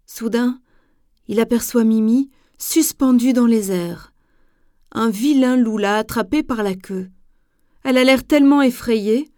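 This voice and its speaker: Woman narrator, children's book, slow and higher-voiced, dry booth sound. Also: no room sound. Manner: gentle, expressive storytelling. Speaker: storyteller. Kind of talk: children's story reading.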